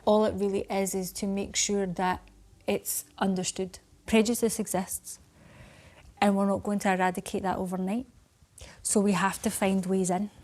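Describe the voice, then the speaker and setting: A woman's voice: medium pitch, flat delivery, normal speed, a little mellow. A woman speaking as a vocal coach, articulate and explanatory. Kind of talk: elocution instruction.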